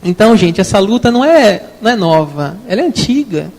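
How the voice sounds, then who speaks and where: Brazilian guy teaching a bible class, chatty, keeps asking the room questions, sounds kinda high, echoey hall. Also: sing-song, brisk, a little mellow. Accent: Brazilian Portuguese. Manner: conversational, asks the class questions, frequent tag questions. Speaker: theology teacher. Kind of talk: evening class lecture. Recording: long hall reverb.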